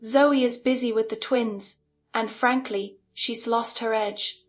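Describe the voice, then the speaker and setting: A woman's voice: on the high side, steady tone, slow pace. A woman voicing a smug, arrogant man who talks down to others with fake pity. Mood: patronizing. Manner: scoffing, condescending. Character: smug arrogant man, patronizing tech founder.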